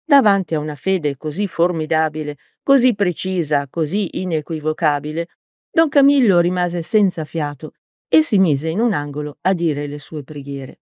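A woman reading an audiobook aloud in a calm, even storytelling manner. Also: deep voice, moderate pace, dry recording, studio quality. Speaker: audiobook reader. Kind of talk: scripted narration.

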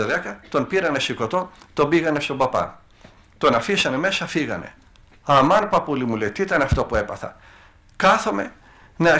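Bright-voiced old monk telling stories. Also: male voice, on the high side. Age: older. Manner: lively colloquial storytelling. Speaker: monastic elder. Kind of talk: sermon with storytelling.

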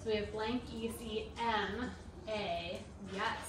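A woman's voice: medium pitch, steady tone, takes it slowly. A woman in her thirties, a homeschooling mother, teaching a Latin lesson at her kitchen table and patiently quizzing her children with frequent okays. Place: home kitchen. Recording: roomy, distant mic, faint noise.

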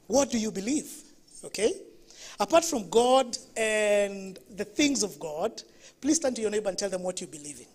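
A woman's voice: medium pitch, normal speed. A woman pastor with a Kenyan accent preaching a sermon in church, telling stories and putting questions to the congregation. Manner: lively storytelling, questions to the congregation.

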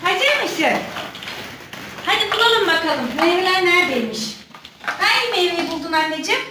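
A woman's voice: very high voice, very animated, normal speed, distant mic, background noise. A woman talking to her small daughter at home, coaxing and cheering her on in a playful sing-song voice. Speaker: mother filming her toddler. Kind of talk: playful talk to a small child. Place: indoors at home by a ball pool. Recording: roomy echo from off-mic, music behind.

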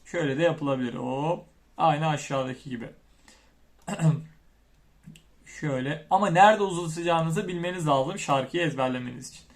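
A man teaching young children as their primary school teacher, chanting the alphabet and speaking to them directly in a lively classroom manner. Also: fairly high pitch, fairly quick. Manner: animated, chants letters, addresses children directly.

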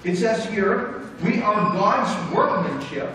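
A middle-aged man preaching a sermon as pastor, animated and moving about as he speaks. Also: sits high, slow, a little hiss or hum. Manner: animated preaching with big hand gestures, moving about the stage. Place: church sanctuary with brick wall, indoors. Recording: echoey hall from far off.

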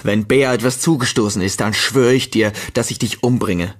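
A man's voice: lowish voice, moderate pace, lightly acted. A man voicing a hostile young man who speaks in cold, curt, menacing lines. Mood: cold menace.

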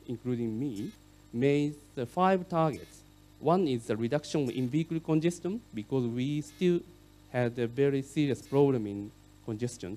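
A middle-aged man whose first language is Japanese gives a conference keynote lecture in English, speaking haltingly with many fillers. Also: mid-range voice, mellow. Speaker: keynote speaker on urban rail.

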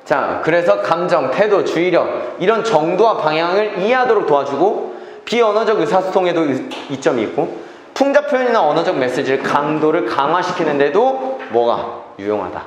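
A man's voice: on the high side, animated, normal speed, a little hiss or hum. A man teaching an English reading class, checking in with students and repeating key phrases. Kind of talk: classroom lecture. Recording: echoey classroom reverb.

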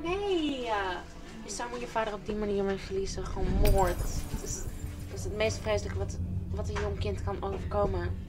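A woman commentating a video game, excitable and reacting loudly to what happens. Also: medium pitch, brisk, few pauses. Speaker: gamer. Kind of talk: let's play commentary. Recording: game music behind the voice.

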